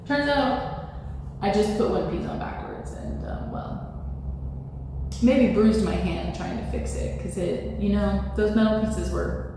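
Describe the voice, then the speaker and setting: A woman's voice: mid-range voice, measured pace. A woman chatting casually and self-deprecatingly to camera while she does chores, in an empty, echoey apartment room. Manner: informal, self-deprecating, talking through chores. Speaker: vlogger. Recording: very echoey room, distant mic, background noise.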